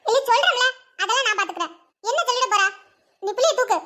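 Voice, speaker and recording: A woman voicing a fussing elderly grandmother in an animated cartoon, pleading and chiding in a homely way. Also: very high-pitched, fast, heavily acted. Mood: coaxing. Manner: pleading, chiding, rural Tamil grandmotherly speech.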